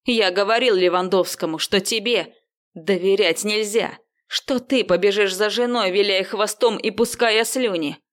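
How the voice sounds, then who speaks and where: A woman's voice: medium pitch, moderate pace, lightly acted. A woman voicing a nervous, hot-tempered male administrator who speaks anxiously and in exasperation. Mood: furious.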